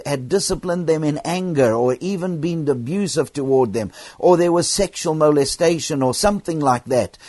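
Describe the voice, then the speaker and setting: A man's voice: fairly high pitch, darkish tone, no room sound. A man preaching, telling a made-up story in a conversational way, with occasional stammered restarts. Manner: conversational storytelling with hypothetical scenarios. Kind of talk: sermon illustration.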